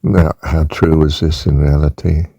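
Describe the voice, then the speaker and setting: An older man gently talking through a reflective monologue with rambling asides and soft fillers. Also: a bass voice, level tone, a little slow, vocal fry, slightly rough, dry recording. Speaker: personal reflection speaker. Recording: muffled lo-fi recording.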